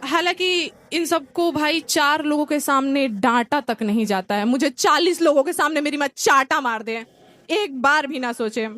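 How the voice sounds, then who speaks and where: A young woman from India, performing stand-up comedy and telling lively stories in which she acts out relatives and friends. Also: high voice, normal speed. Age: young adult.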